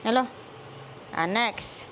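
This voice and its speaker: Slow, patient Filipino mother teaching reading. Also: fairly high pitch. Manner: patient, mixes English into Filipino, prompting questions. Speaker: mother teaching her child to read. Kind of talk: home reading lesson. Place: home. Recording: faint background noise.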